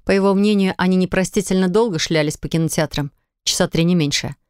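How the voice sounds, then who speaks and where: A woman narrating an audiobook in an even, smooth storytelling manner. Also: lowish voice, fast, no room sound. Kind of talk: scripted narration. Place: recording studio. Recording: dry close studio sound.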